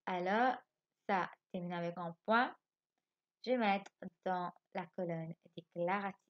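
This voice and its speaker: Patient Mauritian French schoolteacher. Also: female voice, fairly low pitch, dull audio. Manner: slow, patient explaining with frequent checks for understanding. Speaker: primary school teacher. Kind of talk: recorded remote lesson. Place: home.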